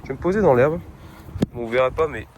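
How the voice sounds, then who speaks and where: A man's voice: mid-range voice, expressive, fast talker. A young man from France chatting casually in a travel vlog at night, rambling with many hesitations and slang, filmed on a handheld phone outdoors by the water. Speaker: vlogger. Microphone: handheld phone camera. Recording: wind noise on phone mic. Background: wind and outdoor ambience.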